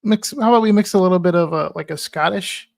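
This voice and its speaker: Male co-host, gravelly fry, hesitant casual chat, dry sound. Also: high-pitched, quick pace, no room sound. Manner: hesitant, searching for words. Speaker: podcast co-host.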